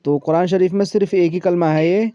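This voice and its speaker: A man teaching a one-on-one Quran reading lesson, patiently explaining rules and repeating syllables slowly so they can be copied. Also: high voice, steady tone, dark tone. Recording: dull lo-fi, dry sound.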